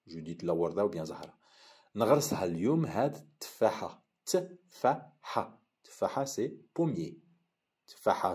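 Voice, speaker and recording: A man with an Algerian accent and a fairly low voice runs a patient language lesson. He says each phrase, repeats it at a measured pace and explains it plainly. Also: darkish tone. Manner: repeats each phrase slowly, then translates. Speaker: language teacher.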